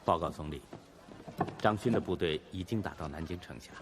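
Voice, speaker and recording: A man's voice: low-pitched, fairly quick, background noise. An actor playing a male aide in a historical drama, hurriedly delivering a formal war report. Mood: urgent.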